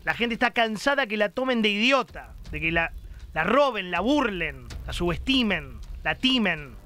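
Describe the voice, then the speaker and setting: Argentine guy ranting political commentary, high sharp voice, hammering out lists, faint music under it. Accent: Rioplatense Argentine Spanish. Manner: emphatic, scornful, piles up lists of words. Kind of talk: opinion commentary monologue.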